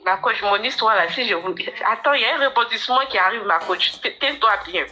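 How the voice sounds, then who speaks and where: A woman caller telling her personal story to a coach, halting and often repeating words. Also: fairly high pitch, lively intonation, sharp tone.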